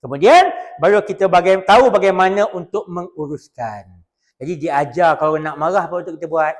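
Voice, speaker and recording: A man's voice: high voice, brisk. A man with a Malaysian Malay accent giving a customer service training class. He jokes a lot and acts out short scenes in other voices. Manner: animated, joking, switches into acted customer voices. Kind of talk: classroom lecture with acted examples.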